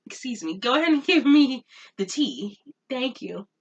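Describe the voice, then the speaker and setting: A woman's voice: high-pitched, sing-song, normal speed, slightly rough, recorded from a distance, muffled recording. A young woman ranting in a casual home vlog, exasperated and repeating her points for emphasis. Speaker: vlogger. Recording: voice a bit off-mic.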